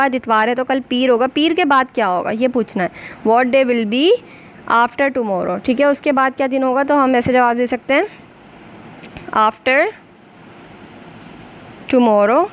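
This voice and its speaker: The speaker is an Urdu-accented woman giving beginners a basic English lesson; she goes slowly, patiently spelling out each word. Her pitch is fairly high and the sound of the recording is dull.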